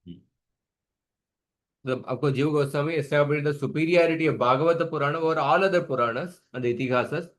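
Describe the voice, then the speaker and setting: Man, scripture teacher, slow deliberate chanting, patient, somewhat high voice. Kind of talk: online scripture class with call-and-response chanting.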